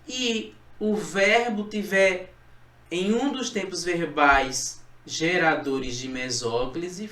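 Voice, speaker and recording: A man's voice: on the high side, fairly bright tone. A male teacher giving a recorded grammar lesson, explaining rules step by step and repeating key points. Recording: echoey room, voice from a distance.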